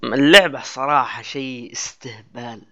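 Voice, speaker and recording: A man co-hosting a casual gaming podcast, joking and chatting in quick banter. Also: mid-range voice, bright, forceful tone. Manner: joking, fast banter with fillers. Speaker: podcast co-host. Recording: dull lo-fi sound.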